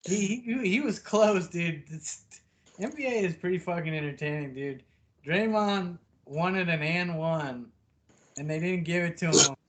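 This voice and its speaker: A man, talking in a slightly high voice. He chats loosely and swears through easy banter with friends. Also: measured pace, slight background noise. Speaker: podcast co-host. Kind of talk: casual chat.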